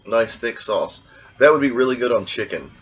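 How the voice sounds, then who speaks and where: A man hosting a casual blindfolded taste test, talking in a relaxed, rambling way. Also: mid-range voice, normal speed, breathy edge, muffled recording. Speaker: food vlogger.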